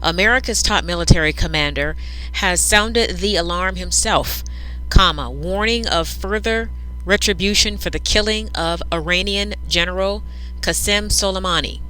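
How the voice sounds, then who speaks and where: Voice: medium pitch, normal speed, sharp tone, a little hiss or hum, low-quality recording. A news reader dictating a script aloud, speaking each punctuation mark and paragraph break between the sentences.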